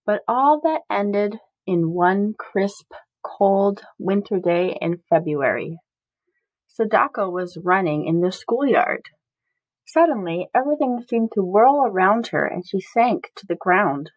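A woman reading a chapter book aloud slowly and carefully for beginning readers. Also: mid-range voice, no room sound, low-quality recording. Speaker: storybook reader.

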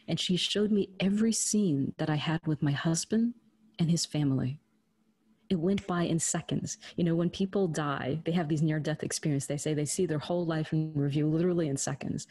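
A woman's voice: deep voice, warm tone, slightly rough, no room sound. A woman in her fifties from Trinidad, an author telling her story earnestly and reflectively in an interview. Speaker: author guest. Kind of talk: interview conversation. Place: studio against plain grey backdrop.

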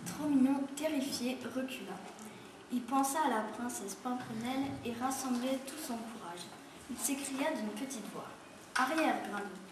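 A woman's voice: sits high, moderate pace. Woman reading a storybook aloud in an echoey room. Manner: steady read-aloud delivery. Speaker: reader at a school. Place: school room. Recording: echoey room, far from mic, noisy.

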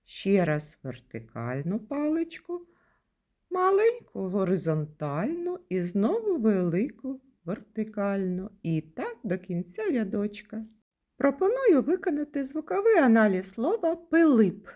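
Slow, lively-voiced kindergarten teacher woman. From Ukraine. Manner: sing-song, stresses key words with rising pitch. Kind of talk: slow, patient lesson for young children.

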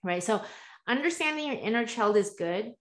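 Speaking at a moderate pace with a fairly high pitch, a woman in her forties recounts her life candidly in an interview, appearing as a guest coach via video call from a room in her home. She was born in the US and spent part of her upbringing in Taiwan; her manner is earnest, with lively hand gestures and many "right?" asides.

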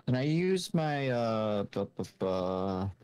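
Slow low guy, mellow voice, hesitant tabletop player. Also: sing-song, clear, resonant tone. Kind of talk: tabletop game chat.

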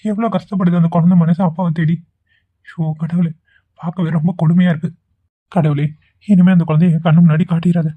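A man's voice: on the high side, little pitch movement, a little fast, no room sound, lightly acted. A man voicing a kindly middle-aged relative in a cartoon, speaking earnestly and soothingly. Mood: pitying. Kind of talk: cartoon voice acting. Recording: dry, tinny phone-like audio.

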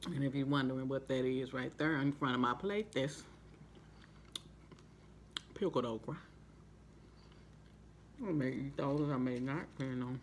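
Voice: medium pitch, measured pace, long pauses, a little hiss or hum. A mukbang host, humming with their mouth full and chatting casually while eating. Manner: relaxed, chatty, lots of hums.

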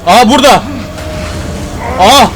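A man playing a horror game and commenting as he goes, yelling when startled and whispering while he sneaks. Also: extremely high pitch, slow, background noise. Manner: jumpy, shouts when scared, drops to hushed muttering when sneaking. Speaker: gaming YouTuber.

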